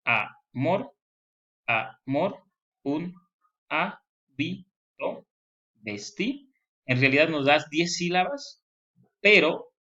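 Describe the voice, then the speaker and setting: A man's voice: mid-range voice, pushed and bright. A male teacher giving a recorded lecture, explaining step by step with frequent fillers and restarts. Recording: dull lo-fi recording.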